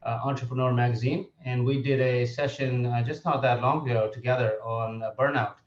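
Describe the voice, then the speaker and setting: A man's voice: mid-range voice, fairly even intonation, brisk. A man hosts a live online session in a casual, informal style. He sounds a little hesitant as he introduces things. The room is strongly echoey and the audio slightly dull and lo-fi. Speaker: host and company founder.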